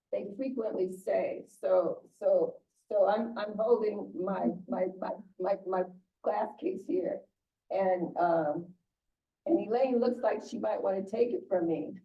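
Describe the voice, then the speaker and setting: An older woman pastor giving an informal, conversational sermon, often restarting and repeating words. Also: medium pitch. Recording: distant muffled church recording.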